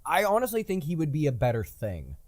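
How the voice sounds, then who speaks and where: A man hosting a podcast in casual chat, from the United States, rambling and swearing with excitable energy. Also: a little high, fairly quick, dry recording. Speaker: podcast host.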